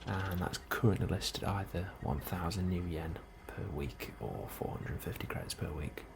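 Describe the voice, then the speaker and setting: Playing a colony clerk in an ASMR scene, this man keeps his very low, creaky voice hushed and slow, occasionally sliding into a whisper. The character is a calm, helpful male immigration officer for the colony, and constant background noise is plainly audible.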